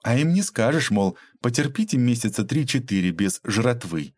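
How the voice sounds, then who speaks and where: A man's voice: mid-range voice, expressive, normal speed, darkish tone, no echo, voice pushed up, lightly acted. A man reading an audiobook aloud, voicing a tough, ironic young woman detective who mocks and lectures. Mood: mocking. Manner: mocking, cold, lecturing.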